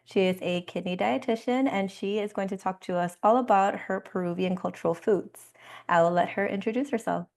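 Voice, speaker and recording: Woman host, upbeat, polished scripted delivery, mid-pitch voice. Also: fairly quick, darkish tone. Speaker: podcast host. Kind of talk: scripted intro and interview hosting.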